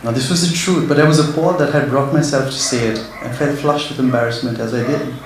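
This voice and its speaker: An author reads a prepared literary talk in a medium-pitched, steady voice, talking fast and sounding nervous yet earnest. The indoor event venue is very echoey, with faint background noise.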